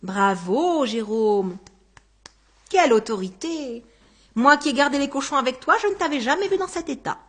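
Woman doing an unhurried, needling man who toys with his listener; audiobook. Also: sits high, lively intonation, husky. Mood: teasing. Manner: teasing, unhurried. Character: mocking, calm Dutch man stranger.

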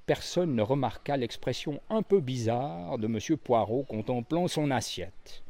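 A man narrating a storybook reading in an expressive, varied read-aloud voice. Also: medium pitch, measured pace.

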